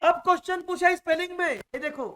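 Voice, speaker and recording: A man's voice: very high-pitched, quick pace, bright, forceful tone. A man teaching a Hindi exam-prep class in a classroom. He repeats each point and keeps checking that his students follow. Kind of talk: classroom lecture.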